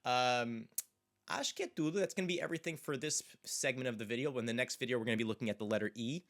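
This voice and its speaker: A man, a language teacher, explaining pronunciation in an unhurried way and repeating example words slowly. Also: medium pitch, no echo, clean studio sound.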